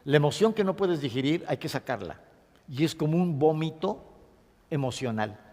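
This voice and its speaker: A man lectures in a voice pitched higher than most men's. He teaches expressively and pauses to dictate key points. His voice carries the long reverb of a hall. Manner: expressive, acts out sobs and dictates points to note. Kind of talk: classroom lecture on grief.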